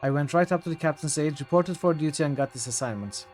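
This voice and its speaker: A man's voice: fairly high pitch, quick pace, darkish tone, soft background music, natural voice. A man voicing a polite, deferential young male cadet who speaks formally, like a butler, and keeps calling others sir. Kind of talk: voicing a character while playing a video game.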